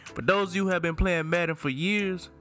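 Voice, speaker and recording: A man's voice: sits high, fairly quick, fairly bright tone, faint music behind. A man from Alabama with a Southern country accent, hosting a gaming channel with casual, slangy, hyped review commentary. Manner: slangy, informal hype talk.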